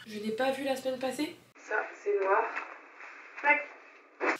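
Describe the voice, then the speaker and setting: A woman's voice: on the high side, noisy background. A young woman in her twenties from France with a French accent, chatting casually to the camera in a vlog, mixing English words into her talk. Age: 20s. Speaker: vlogger. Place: home interior, kitchen. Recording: roomy home with background music.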